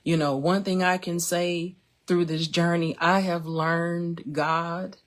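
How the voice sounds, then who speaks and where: A woman's voice: on the low side, little pitch movement, slow pace. A woman, speaking casually and emotionally with many fillers as she hosts her own live stream. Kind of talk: personal testimony, casual talk.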